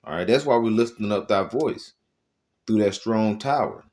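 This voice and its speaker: A man's voice: lowish voice, normal speed, a little mellow. A man preaching a sermon, reading scripture and stressing points with frequent "all right" and many filler sounds.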